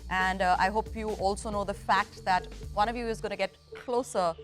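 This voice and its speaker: A woman's voice: mid-range voice, fairly even intonation, a little fast. A woman presenting a quiz show in an upbeat hosting style. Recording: music under the voice.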